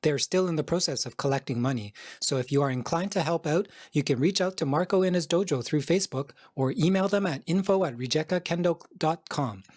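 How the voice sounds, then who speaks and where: A man's voice: on the high side, fairly quick, hardly any pauses, darkish tone. A male podcast host giving upbeat scripted announcements and asking interview questions.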